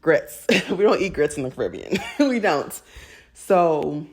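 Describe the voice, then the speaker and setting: This TV recap host is an American woman who grew up in a Jamaican household; she talks to viewers openly and casually, voicing firm opinions and laughing easily. Her low-pitched voice is animated, delivered at a measured pace.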